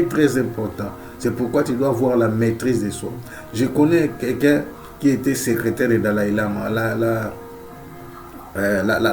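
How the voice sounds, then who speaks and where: With a darkish, mid-range voice, this man preaches a sermon in a Central African French accent while suffering from a head cold. He drives points home emphatically, repeating key phrases and peppering his words with amen and alleluia, as faint music sounds in the background.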